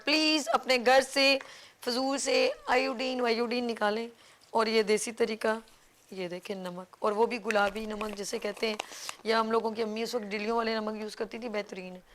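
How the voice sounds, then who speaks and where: A woman's voice: fairly high pitch, fairly even intonation, moderate pace, fairly bright tone. A woman with a Pakistani Urdu accent, hosting a live cooking show and explaining each step to viewers in a chatty, instructive way. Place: TV studio kitchen.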